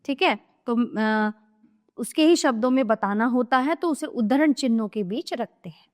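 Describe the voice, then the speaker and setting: A woman teaching a grammar lesson in a chatty way, reading examples slowly and often checking that listeners follow. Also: a little high, in a large hall. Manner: chatty, explains each point, asks "है ना?". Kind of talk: grammar lesson explained from a book.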